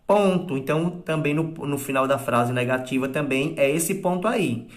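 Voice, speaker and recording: A man with a fairly high voice gives a recorded lesson to children. He explains patiently and step by step, pausing often to check that the class is following. Now and then he acts out sample exclamations, stretching them out in a raised voice. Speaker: teacher.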